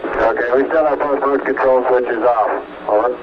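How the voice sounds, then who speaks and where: A man speaking as an astronaut over a crackly, breaking-up space-to-ground radio link, in calm, terse radio procedure with halting fillers. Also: medium pitch. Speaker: astronaut on the lunar lander. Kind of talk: clipped radio procedure talk. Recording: noisy, muffled archival space radio.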